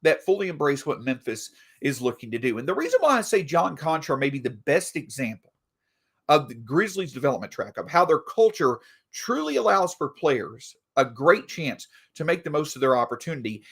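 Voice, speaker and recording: A man hosting a solo sports podcast, talking through team news in an animated way, a bit stuffy from allergies. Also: on the high side, normal speed, breathy edge. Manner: animated, reads an ad mid-show. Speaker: podcast host.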